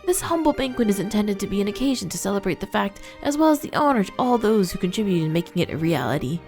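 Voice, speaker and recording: A woman voicing a dignified, calm queen who addresses a banquet in a formal, measured way. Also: medium pitch, faint music behind, pitched above the performer's own voice. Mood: stately.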